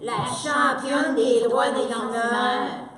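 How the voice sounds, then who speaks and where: A woman's voice: fairly high pitch, steady tone, slow, crowd noise. A woman playing a sneering rule-breaking smoker. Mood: mocking. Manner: mocking, taunting. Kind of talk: live community stage performance. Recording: distant stage recording, echoing hall, loud audience.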